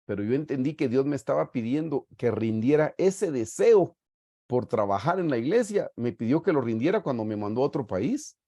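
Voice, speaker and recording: A man's voice: medium pitch, lively intonation, normal speed, no echo. A middle-aged man, teaching a Bible study in an earnest preaching style over a video call and often calling his listeners "brothers". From Guatemala. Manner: earnest, warm pastoral storytelling, often saying "hermanos". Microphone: video call mic.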